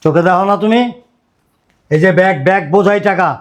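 Gruff scolding man with a high voice. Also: steady tone, brisk, a little hiss or hum. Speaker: father in a family drama. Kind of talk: rural Bangladeshi village drama acting.

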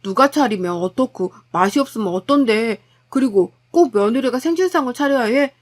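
A woman's voice: fairly high pitch, lively intonation, moderate pace. A woman voicing a blunt, irritable young husband who talks in an exasperated, reproachful way.

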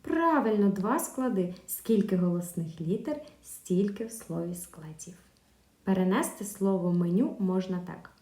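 A woman teaching a video lesson to young pupils, speaking clearly with pauses for answers and a sing-song teacher manner. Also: mid-range voice, expressive, warm tone. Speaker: primary school teacher. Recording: echoey room.

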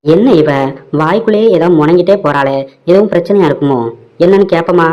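A man's voice: high-pitched, a little fast, highs cut off, close to an everyday voice. Cartoon comedy: a man playing a middle-aged father with a Tamil accent, wry and easygoing, muttering asides.

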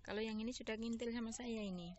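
A woman's voice: a little high, fairly even intonation, fast, a little mellow. A woman making a casual vlog while she feeds stray cats, chatting to viewers and cooing at the cats in baby talk. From Indonesia. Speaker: vlogger feeding stray cats. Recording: faint background noise.

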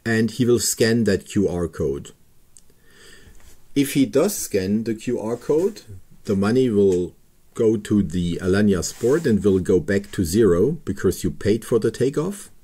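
Man slowly talking through a website. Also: on the low side, warm tone, husky. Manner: slow, careful, step-by-step with pauses and fillers. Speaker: paragliding pilot explaining a registration website. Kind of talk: screen-recorded tutorial narration.

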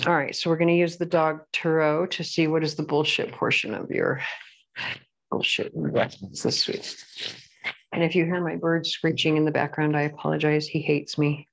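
A woman's voice: sits low, flat delivery, a little fast, gravelly, hardly any pauses. A woman giving a casual pick-a-card tarot reading at home, chatty and rambling, with frequent apologetic asides. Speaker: tarot reader. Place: at home with a pet bird.

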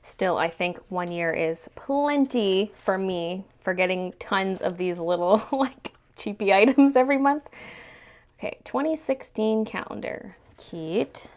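A woman's voice: medium pitch, measured pace. A young adult woman chatting casually through an unboxing, gushing and exclaiming over cute things. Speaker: unboxing video host. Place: indoors, tabletop product shoot, speaker off camera.

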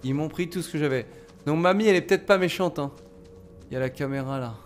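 Young man, let's-play streamer, fairly high pitch, slangy, chats to viewers, game music behind. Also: quick pace. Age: young adult. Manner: slangy, swearing, talking to his viewers. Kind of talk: casual let's-play commentary. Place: indoors at a streaming setup.

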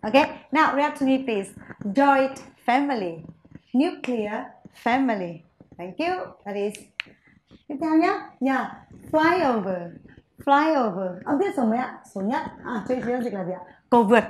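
A woman English teacher giving a vocabulary lesson, saying each word slowly for her students to repeat. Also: a little high, lively intonation, roomy sound, slight background noise.

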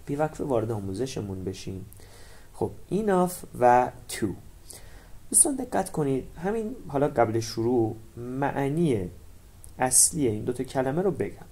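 A male teacher with a Persian accent walks through an English grammar lesson. His voice swings widely in pitch as he stresses and repeats each English word. His tone is dark and mellow. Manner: animated, stresses and repeats English words for pronunciation.

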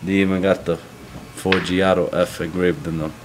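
Background music and general noise surround a man in his thirties as he tours a wheel factory's large indoor floor for his vlog. His low-pitched voice holds a level tone at moderate speed, and his style is casual, excited, and full of laid-back street slang.

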